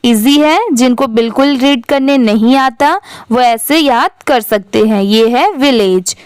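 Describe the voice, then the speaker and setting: A woman teaching English reading, spelling words letter by letter and blending them slowly while prompting students with questions. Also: on the high side, clean tone, no echo. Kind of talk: step-by-step phonics lesson.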